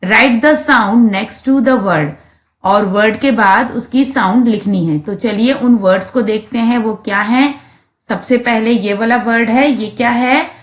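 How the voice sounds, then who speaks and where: A woman's voice: fairly high pitch, slow. A woman teacher with an Indian accent reads English textbook lines aloud for children and then explains each one plainly. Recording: echoey room.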